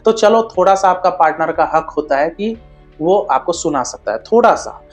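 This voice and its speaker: Man, relationship advice talk, blunt and chatty, checks the viewer keeps up, a bit high-pitched, soft music behind. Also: lively intonation, normal speed. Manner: blunt, keeps asking "understand?" and calling viewers brother.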